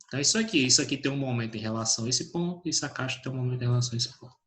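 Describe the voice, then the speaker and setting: A man gives an online physics lesson from home, speaking at an ordinary middle pitch. He calls students by name, throws out questions and answers them himself. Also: rapid-fire, a bit bright. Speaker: teacher.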